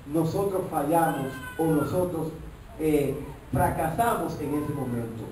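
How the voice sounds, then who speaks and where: A man's voice: very high voice, a little mellow, slight background noise. A male pastor preaching a sermon, often breaking off to address his listeners as brother. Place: church hall. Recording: echoey hall, mic far off.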